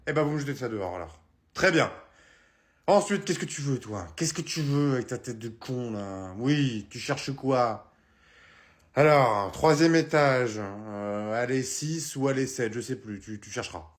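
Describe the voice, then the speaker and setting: A man's voice: medium pitch, expressive, unhurried, voice pushed down, natural voice. Man doing a rude snappy librarian. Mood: irritable. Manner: curt, bossy, insulting. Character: rude irritable male librarian.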